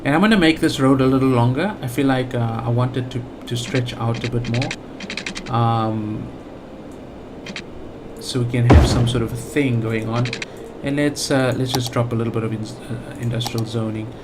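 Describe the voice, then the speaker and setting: Over background noise, this South African man speaks at medium pitch and a moderate pace. He hosts a gaming channel, riffing casually through a let's play, stumbling into restarts and leaning on filler words as he thinks aloud.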